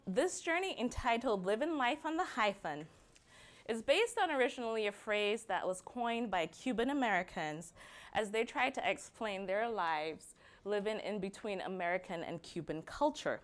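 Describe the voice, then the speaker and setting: Young Barbadian woman, mid-pitched, delivering a measured prepared talk that leans on key words. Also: lively intonation. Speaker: speaker giving a talk.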